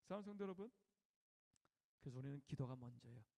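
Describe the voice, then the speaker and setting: A man's voice: medium pitch, animated, fast, vocal fry, dark tone, big-room sound. A middle-aged male pastor preaching a sermon, asking the congregation questions and acting out prayers with a raised voice. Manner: asks the congregation questions and has them repeat after him.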